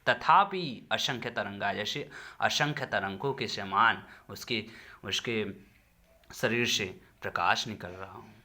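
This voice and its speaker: A man's voice: fairly low pitch, slow, bright, forceful tone. A male teacher explaining a poem line by line, repeating each phrase and then asking and answering his own questions. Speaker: Hindi teacher.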